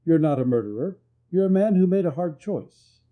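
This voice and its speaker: A man's voice: a little high, expressive, moderate pace, narrow, tinny audio, voice pushed up, close to an everyday voice. A man reading a determined young frontier herbalist. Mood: earnest.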